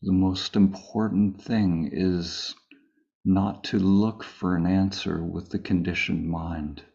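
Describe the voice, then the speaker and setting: This is a live, unhurried guided meditation from a man whose voice is low and rough. He stays calm and very level, pausing at length after each short phrase. The sound quality is somewhat dull and muffled.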